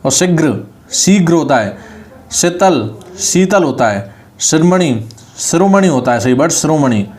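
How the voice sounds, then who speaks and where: A man teaching a spelling lesson online, saying each word over and slowly correcting it. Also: fairly high pitch, animated, darkish tone. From India. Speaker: online exam-prep Hindi teacher.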